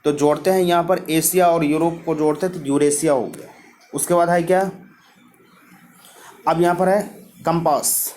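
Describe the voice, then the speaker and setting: A man's voice: a little high, fairly even intonation, moderate pace, long pauses, darkish tone, a little hiss or hum. A man teaching a geography lesson with memory tricks, asking himself questions and answering them over and over. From Bihar, India.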